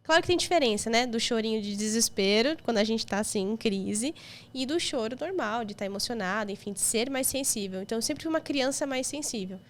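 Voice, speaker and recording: A young Brazilian woman with a Brazilian Portuguese accent, a podcast guest telling personal stories in an emotional, lively way. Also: a little high, fairly quick. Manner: emotional, lively storytelling with quoted voices. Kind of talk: casual chat.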